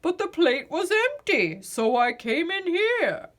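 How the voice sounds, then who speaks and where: Woman as slow, jolly Santa Claus. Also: extremely high pitch, big pitch swings, a bit bright, pitched above the performer's own voice, exaggerated voice. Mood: puzzled. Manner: drawn-out, jovial. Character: gigantic, jolly, kindly old Santa Claus.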